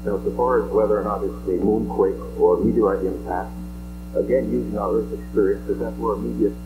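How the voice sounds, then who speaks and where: Very low, even-toned man, measured and analytical. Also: narrow, tinny audio, music in the background. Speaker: scientist, seismic investigator. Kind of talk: press conference answer. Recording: archival audio with background hum.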